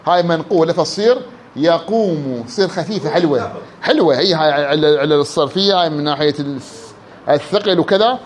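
Male grammar teacher with an Iraqi accent, high-pitched. He quizzes the class and draws out example words slowly. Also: a little hiss or hum. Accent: Iraqi Arabic. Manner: quizzes students, drawls words out slowly to illustrate. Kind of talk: classroom lesson.

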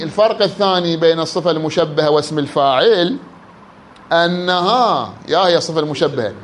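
High-voiced Iraqi man teaching grammar. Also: slight background noise. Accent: Iraqi Arabic. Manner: quizzes students, drawls words out slowly to illustrate. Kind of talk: classroom lesson.

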